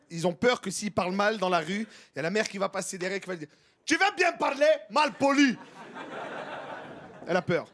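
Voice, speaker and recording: A man doing a stand-up comedy routine on stage, animated and slipping into playful put-on voices. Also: high voice. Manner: animated, slips into many put-on accents. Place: comedy stage before a live audience.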